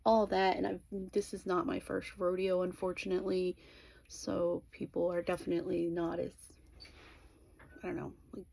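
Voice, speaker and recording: A middle-aged woman in a casual, confessional chat to viewers, candid and rambling, with halting, trailing pauses. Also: fairly low pitch, gravelly, darkish tone, slightly rough, low-quality recording. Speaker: vlogger.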